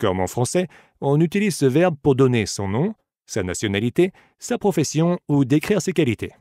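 A man reading a scripted audiobook language lesson, giving slow, careful model pronunciations for the listener to repeat. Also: mid-range voice, sing-song, mellow, dry recording, clean studio sound. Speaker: language teacher.

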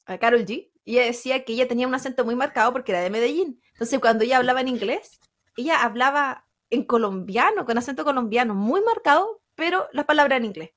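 A woman in her thirties with a Chilean accent tells stories with animated energy. Her voice sits a little high, and she laughs often and drops casual slang as she talks with a friend on a podcast. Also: fast talker. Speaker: podcast co-host. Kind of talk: casual chat.

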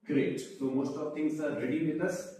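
A man's voice: on the high side, steady tone, normal speed, dark tone. A man, a doctor talking through a trauma assessment step by step and giving orders to his team. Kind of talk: spoken clinical demonstration. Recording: echoey room, voice from a distance.

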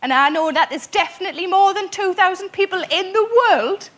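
A woman's voice: extremely high pitch, brisk, fairly bright tone. A woman arguing her side on a comedy panel show, with dry mocking jokes and chuckles of her own. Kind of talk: comic stand-up argument.

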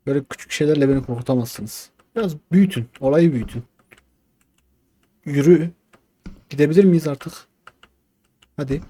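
A man's voice: a little high, normal speed, long pauses, mellow, slightly rough. A young man casually commenting on a game as he plays, coaxing and cursing at it while talking to himself. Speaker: gaming YouTuber. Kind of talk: casual let's-play commentary.

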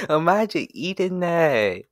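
A man's voice: on the high side, no echo, studio quality. A man hosting a reaction channel, talking casually in slang and asking viewers questions from a small dim room on a headset mic.

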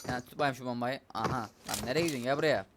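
A young man giving live commentary on a shooter game, excitable, shouting and muttering at enemies. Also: medium pitch, very fast, very noisy. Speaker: gamer streamer. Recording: loud gunfire over the voice. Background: game gunfire and vehicles.

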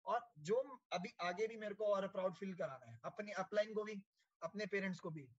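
Man, high voice, earnest grateful testimonial, code-switching, dull lo-fi recording. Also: normal speed. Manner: earnest, grateful, mixes Hindi with English phrases. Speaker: sales manager sharing his experience. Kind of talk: heartfelt testimonial talk. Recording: dull lo-fi audio.

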